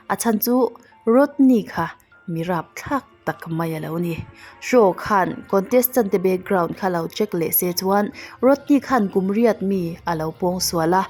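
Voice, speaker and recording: A woman's voice: fairly low pitch, a little mellow. A woman narrator telling a true-crime story in a storytelling style. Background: faint music.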